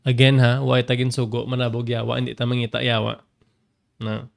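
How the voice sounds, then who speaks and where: A man teaching a Bible passage, animated and laughing often, jumping up in pitch to stress a point. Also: a little fast, vocal fry. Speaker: preacher.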